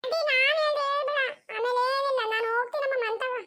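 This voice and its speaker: A woman voicing a timid little girl in a cartoon, speaking in a high, pleading childish voice. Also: steady tone, quick pace, noisy background. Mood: confessing. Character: small girl, timid and secretive.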